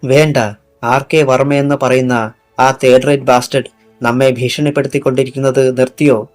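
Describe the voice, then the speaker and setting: A man's voice: mid-range voice, flat delivery, moderate pace, soft background music, lightly acted. A man voicing a fierce young policewoman who swears revenge, speaking with intense resolve in an audiobook. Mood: accusing. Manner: intense vowing speech.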